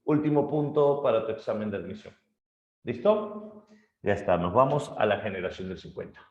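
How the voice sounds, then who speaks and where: A lower-pitched man teaching literature, telling a story with animated retellings and voiced quotes. The sound is muffled and lo-fi, with the roomy echo of a small class space. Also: quick pace. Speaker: literature tutor.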